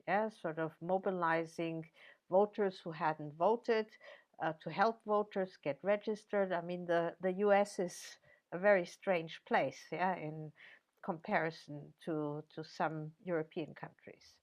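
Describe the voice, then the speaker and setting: An older woman professor answering interview questions in a measured way, with frequent fillers and restarts. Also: fairly low pitch, fairly even intonation.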